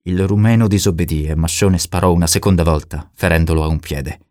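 Low deep male narrator reading a novel, steady pace, dry close sound. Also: brisk, no echo. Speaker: audiobook narrator. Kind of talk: scripted narration.

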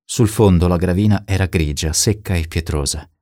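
A man reading a novel aloud as narrator in a steady, measured way. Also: low-pitched, dry recording, studio quality. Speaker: audiobook narrator. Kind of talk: scripted narration.

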